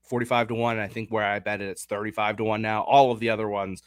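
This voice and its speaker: A young man with a fairly low voice talks through sports betting odds in a casual, analytical way. The sound is dry and close. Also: level tone, fast, clear, resonant tone, no room sound. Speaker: sports betting podcast host.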